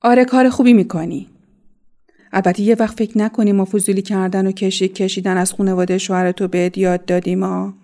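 Actress as a mellow older advisor woman. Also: mid-range voice, level tone, lightly acted. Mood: advising. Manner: advising, knowing. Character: older motherly woman giving advice.

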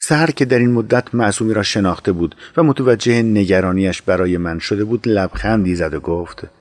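A man narrating an audio drama in a slow, measured storytelling voice. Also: fairly low pitch, darkish tone, dry recording.

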